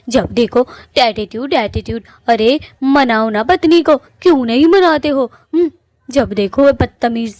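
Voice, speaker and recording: A sulky cartoon witch wife, as a woman voices her, scolding in a fairly high voice. She sounds huffy and quarrelsome. The recording is dry and close. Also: darkish tone, no echo, close to an everyday voice. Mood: sulking. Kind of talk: cartoon voice acting.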